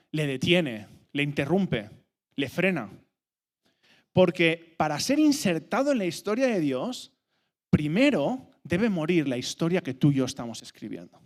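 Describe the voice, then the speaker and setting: Animated male preacher in a reverberant church. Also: fairly high pitch. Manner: animated, slows down for emphasis when reading scripture. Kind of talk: sermon. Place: church hall. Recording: long hall reverb from church room.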